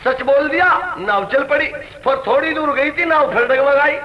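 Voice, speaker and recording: A man telling rustic comic stories and voicing the characters in quick dialogue. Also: very high-pitched. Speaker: comedian telling jokes. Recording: echoey lo-fi cassette recording.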